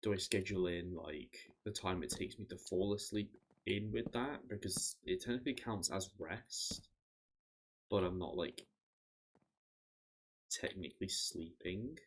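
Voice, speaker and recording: Man, very deep voice, hoarse and tired, rambling casual gaming chat, faint clicking behind. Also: measured pace, slight background noise. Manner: rambling, self-interrupting, swears casually. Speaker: streamer.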